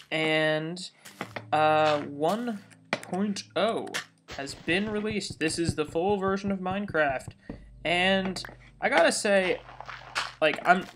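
A young man hosting a let's play, excitable and rambling, jittery from coffee and breaking into sudden high squeals. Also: noisy background. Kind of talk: casual gameplay commentary. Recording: game music playing loudly behind. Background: video game music.

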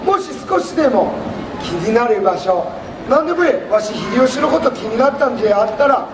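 A man's voice: very high voice, lively intonation, normal speed. A man playing a jovial, folksy samurai warlord on stage, speaking theatrically in archaic lordly Japanese turns of phrase with a Nagoya accent. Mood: jovial, grand. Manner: theatrical, archaic lordly speech, projecting to audience. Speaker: costumed history performer and host. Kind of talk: live stage history lesson in samurai character. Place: large public indoor event stage. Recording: echoey noisy hall, crowd, far off.

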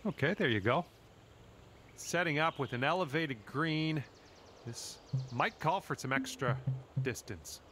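Calm, encouraging golf commentator man. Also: on the high side, a little slow, pauses often, a little hiss or hum. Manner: calm, encouraging, addresses the player directly. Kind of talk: sports commentary.

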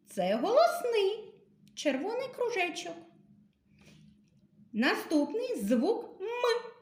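A woman teacher speaks slowly and patiently to young children, stretching out each sound she names. Her fairly high voice rises and falls a lot. The room around her is echoey. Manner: slow, patient dictation with emphasized sounds. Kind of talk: literacy lesson for young children.

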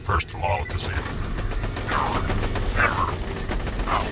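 A man's voice: sits low, takes it slowly, heavy reverb, distant mic. A man voicing a malfunctioning male combat robot that glitches and repeats error messages through a robotic voice filter. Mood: glitching. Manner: flat, clipped machine announcements. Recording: loud game music behind. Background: loud game music.

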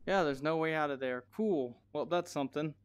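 A man's voice: fairly high pitch, a little fast, clean tone. A man giving casual, profane commentary to himself while playing a shooter game. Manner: profane, excitable, talks to himself.

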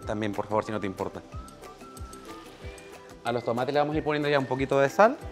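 A chef runs a cooking class in a small kitchen, guiding an assistant beside him step by step. His mid-range voice moves at a quick pace, and he sounds practical, with faint music in the background.

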